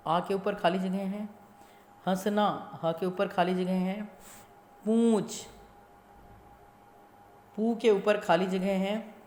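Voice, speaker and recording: Slow, deliberate woman teaching in an echoey room. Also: medium pitch, darkish tone. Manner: slow, deliberate, spells out sounds syllable by syllable. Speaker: school Hindi teacher. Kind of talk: classroom grammar lesson. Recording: echoey room with long reverb.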